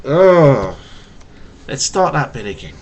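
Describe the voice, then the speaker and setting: A father reads slowly from a children's picture book to his child at bedtime, his medium-pitched voice moving through big pitch swings. He stumbles and repeats words with a stutter, recorded at home on a webcam microphone.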